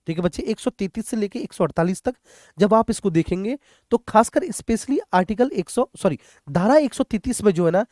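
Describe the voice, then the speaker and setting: In a studio-quality recording with no room sound, a man with a high, darkish voice leads a Q&A exam prep class. He talks directly to students, checks in with them, repeats important points to teach them, and mixes English terms into his speech.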